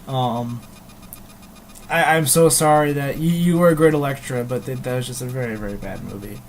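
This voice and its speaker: A man's voice: medium pitch, moderate pace, a little hiss or hum. A man reviewing a video game in casual chat, rambling with many hesitations and casual swearing.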